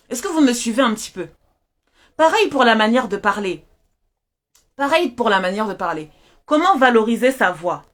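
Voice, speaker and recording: A woman leads a live motivational talk for her audience, her speech animated and emphatic. Her voice sits fairly high and swings widely in pitch. She repeats her points and checks that listeners follow. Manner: animated and emphatic, repeats phrases, asks viewers questions. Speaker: self-confidence coach hosting a live stream. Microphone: wearing a mask while speaking.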